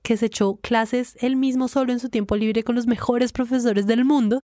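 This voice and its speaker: A woman's voice: a little high, steady tone, moderate pace, warm tone, dry recording, clean studio sound. Curious woman co-hosting. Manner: inquisitive, prompting with questions and backchannels. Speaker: podcast co-host. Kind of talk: casual conversational podcast.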